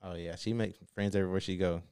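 His deep, slightly mellow, smooth voice keeps a fairly even intonation, recorded with no room sound. He's a thirtysomething dad and husband, co-hosting a relaxed conversation with his wife. Laughing easily, he recounts a trip in slow, drawn-out, emphatic storytelling.

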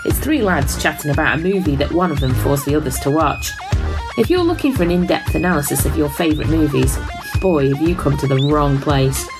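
Brief: British woman announcer, low voice with a lively lilt, polished scripted intro, music playing underneath. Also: a little fast. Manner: playful, self-mocking, polished delivery. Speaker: show announcer.

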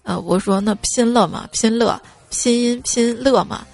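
A woman's voice: unhurried, gravelly, background noise. A woman host reading listener jokes aloud, laughing at her own lines and jumping her voice up to act out the people in each joke. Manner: lively, acts out quoted speakers with jumps in pitch. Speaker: radio-style joke show host. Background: faint background music.

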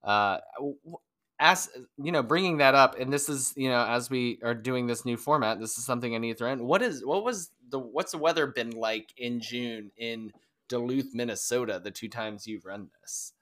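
A man's voice: medium pitch, a bit bright. Conversational male podcast host. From Ohio. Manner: conversational, halting restarts. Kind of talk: casual interview.

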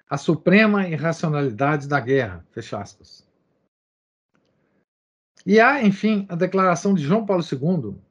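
A man reading a text aloud and commenting on it like a lecturer, breaking in with asides and habitual tag questions. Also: on the high side. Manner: reads quoted passages, adding asides and verbal tics like "né?". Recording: dull lo-fi recording.

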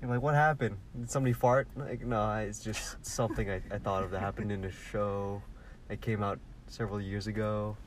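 A man's voice: on the low side, fairly even intonation, a little fast, far from the mic, slight background noise. A man co-hosting a casual podcast, rambling loosely and laughing often. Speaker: podcast co-host.

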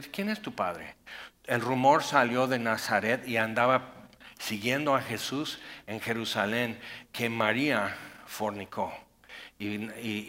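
Guy preaching, punchy bright voice, big loud to quiet swings, long echo like a church hall. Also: medium pitch. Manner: animated, shifts from loud bursts to hushed intensity. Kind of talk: sermon.

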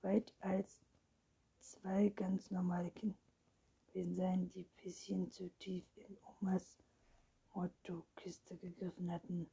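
A woman narrating a children's storybook in a hushed, even whispered reading. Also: lowish voice, takes it slowly, creaky, breathy edge.

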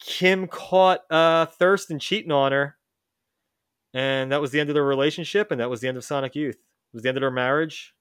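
A man's voice: fairly high pitch, fairly quick, fairly bright tone, clear, resonant tone, no echo. Chatty man with a dry close sound. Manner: rambling, self-correcting, lots of restarts. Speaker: podcast host. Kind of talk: casual chat about music history.

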